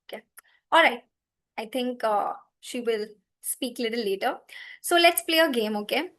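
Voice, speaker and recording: A woman's voice: a little high, animated, normal speed, fairly bright tone. A woman hosting a live event in a casual, encouraging way. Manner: encouraging, addresses listeners as dear and y'all. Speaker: host of a children's reading contest.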